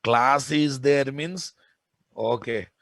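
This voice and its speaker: A man's voice: medium pitch, takes it slowly, vocal fry, a bit bright, dry recording, studio quality. A man with a Telugu Indian accent giving an informal technical lesson as a programming lecturer, insistent and often putting questions to his students.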